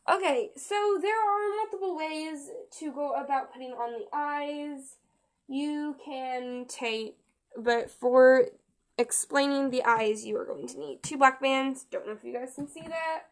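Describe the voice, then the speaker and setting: A woman giving a casual step-by-step craft tutorial, chatty and halting with frequent restarts. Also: high-pitched.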